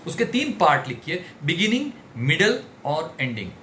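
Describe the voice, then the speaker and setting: A man teaching a public speaking workshop in an animated, theatrical way, mixing Hindi and English. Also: a little high, normal speed. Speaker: personality development trainer. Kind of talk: online workshop lecture. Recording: roomy with faint background noise.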